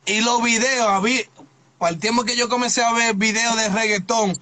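A man's voice: extremely high pitch, steady tone, fairly quick, bright, forceful tone. A man hosting a casual interview, asking questions and reacting with short prompts.

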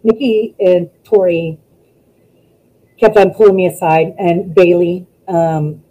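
A woman, a former wrestler, chatting as a guest over a video call, telling stories in an animated way and acting out what people said. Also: lowish voice, takes it slowly, rough recording. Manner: animated storytelling, acts out quotes. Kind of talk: casual interview chat.

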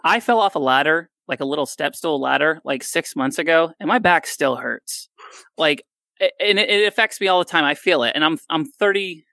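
A man's voice: on the high side, expressive, normal speed, creaky, bright, forceful tone, dry recording. A man in his thirties, rambling and self-deprecating as a co-host in a casual fantasy baseball chat. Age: 30s. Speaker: podcast co-host.

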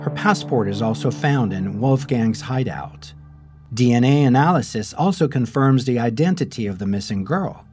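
A man narrates a true story in a measured, dramatic way, his voice sitting at an ordinary middle pitch. Faint music plays quietly underneath his scripted telling. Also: animated. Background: faint background music.

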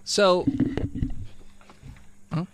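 A man's voice: very slow, noisy background. A man acting as game master, narrating a tabletop game in a casual, improvised way.

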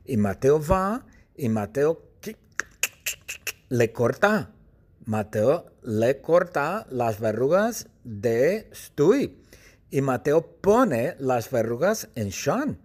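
A man telling a silly story slowly and plainly for language learners, in an animated, playful way. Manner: animated and playful, with frequent jumps in pitch.

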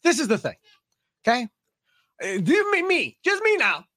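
Animated high-voiced man. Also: moderate pace, dry recording, clean studio sound. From Milwaukee, USA. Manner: animated, opinionated, acts out quotes. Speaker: podcast co-host. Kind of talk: casual chat.

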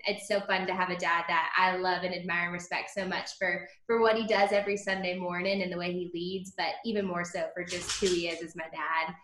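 Young woman, bright voice, chatty n enthusiastic podcast guest, echoey room. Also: lowish voice, level tone, a little fast, hardly any pauses, a little hiss or hum. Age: young adult. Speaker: podcast guest, ministry leader. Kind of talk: casual chat. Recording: roomy echo on voice.

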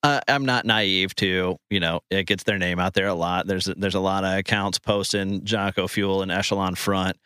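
A man's voice: low-pitched, normal speed, few pauses, smooth, dry recording, studio quality. Man talking inside a dead closet. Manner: relaxed, repeats words while thinking. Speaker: podcast host. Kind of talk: casual podcast chat.

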